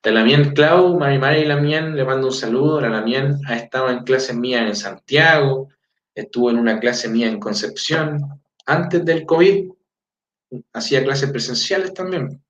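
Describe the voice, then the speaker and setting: A man's voice: mid-range voice, moderate pace, fairly bright tone. Chilean man teaching, roomy lo-fi sound. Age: adult with a four-year-old daughter. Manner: conversational, fillers, frequent "¿ya?" checks. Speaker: Mapudungun language teacher. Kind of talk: casual livestream talk reading greetings. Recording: roomy, distant, dull lo-fi sound.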